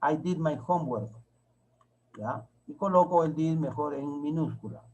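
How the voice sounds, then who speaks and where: A man's voice: fairly high pitch, a little mellow, muffled recording, a little hiss or hum. A man from Peru, teaching an English grammar lesson and repeating example sentences word by word. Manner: slow, repeats and spells out each word of examples.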